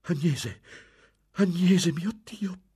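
A man voicing a hot-tempered young nobleman who shouts and challenges. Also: fairly low pitch, lively intonation, moderate pace, breathy edge, pitched above the performer's own voice, exaggerated voice. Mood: indignant. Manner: urgent, shouting.

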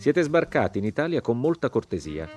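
A man's voice: mid-range voice, big pitch swings, a little fast, over music, voice pushed up, lightly acted. A man reading the lines of a courtly, well-mannered marquis in an audiobook.

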